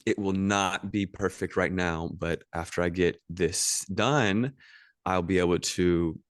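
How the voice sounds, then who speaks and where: Low smooth american guy rambling on a podcast, lots of ums, dry sound. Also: steady tone, measured pace, no echo. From United States. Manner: rambling, with many fillers and restarts. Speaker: podcast guest. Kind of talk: casual podcast conversation.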